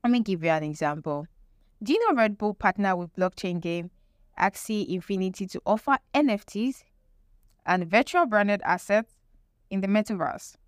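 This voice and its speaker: A woman's voice: medium pitch, animated, moderate pace, dry recording, clean studio sound. A woman presenting an explanatory lesson with tips, emphatic, repeating key phrases and posing rhetorical questions. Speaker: presenter teaching marketing tips.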